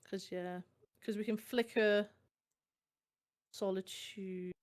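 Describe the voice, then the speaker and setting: A German-native woman with a German accent speaks slowly in a steady, mid-range voice as a guest co-streamer on a card game stream. Her casual gameplay chat is chatty and agreeable, full of "yeah, exactly" as she keeps affirming her partner.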